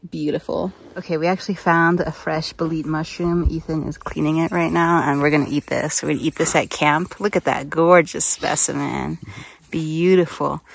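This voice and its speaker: A woman's voice: sits low, vocal fry, poor audio. A woman narrating a casual hiking vlog outdoors on a mountain trail, gushing with enthusiasm. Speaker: vlogger.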